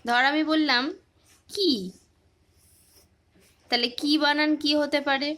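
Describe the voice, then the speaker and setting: Taking things slowly, a teacher leads a laid-back phonics session in a high, bright voice. She keeps firing off brief quiz questions and goes back over the answers with patience.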